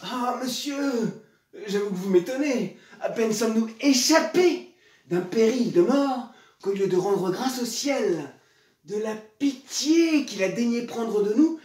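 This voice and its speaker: An exasperated comic manservant played by a man exclaims in a high voice in a classical stage comedy. He is hammy and scolding, heard at a distance in an echoey room. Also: animated, a little slow, darkish tone. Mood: astonished, scolding. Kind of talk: classical French comedy theatre. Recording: echoey room, far from mic.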